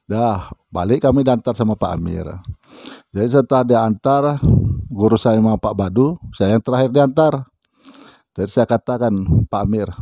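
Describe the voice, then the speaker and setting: A man's voice: fairly low pitch, mellow, no room sound, clean studio sound. A man casually telling a personal story, speaking conversationally and often turning to the listener with little asides. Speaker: storyteller recounting a personal experience.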